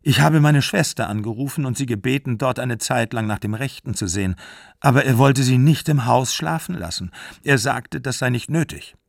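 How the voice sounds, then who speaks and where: A male audiobook reader voices a distraught young mother who earnestly and desperately pleads out her fear. His gravelly, medium-pitched voice sits close in a dry, deadened sound with no room sound, at a steady, literary pace of normal speed.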